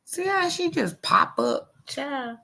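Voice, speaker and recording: Slow, gravelly woman in her forties. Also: high voice, sing-song, sharp tone. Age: 40s. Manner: emphatic and repetitive, addressing viewers directly. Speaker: livestream host. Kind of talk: casual live chat to supporters.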